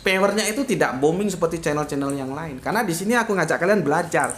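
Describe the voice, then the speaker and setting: Guy doing a chill religious livestream, reads chat out loud, jokes a lot, kinda echoey room. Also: fairly high pitch, animated, fast talker, slight background noise. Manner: joking, chuckles often, teasing asides. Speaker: online religious talk host. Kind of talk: casual livestream talk, reading viewer comments.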